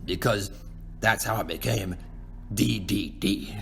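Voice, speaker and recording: A man voicing a self-pitying, boastful cartoon penguin king in a folksy, rambling ASMR roleplay monologue, with a gravelly, creaky voice. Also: on the low side, slow, a bit bright, full character voice. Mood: subdued, wistful.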